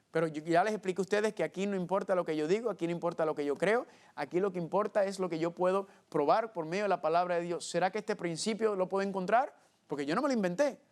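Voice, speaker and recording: A man preaching a Bible teaching sermon, asking his listeners rhetorical questions and answering them himself, and often calling them family. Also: sits high. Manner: keeps addressing listeners as family.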